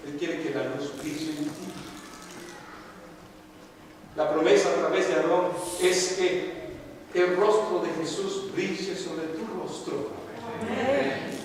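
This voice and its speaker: A high-voiced older man preaches with fervor, his voice ringing out then sinking to a murmur. He is recorded from a distance in a big, echoing church hall, with a faint hiss behind. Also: takes it slowly, long pauses. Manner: impassioned preaching, swinging from loud cries to low murmurs. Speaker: pastor. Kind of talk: sermon. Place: church sanctuary.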